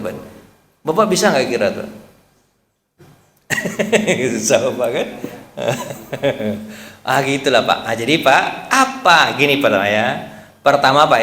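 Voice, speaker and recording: A man's voice: medium pitch, fairly bright tone, a little hiss or hum. A man preaching a sermon in a mosque, talking in a conversational way and often turning to the congregation with questions. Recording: echoey hall reverb.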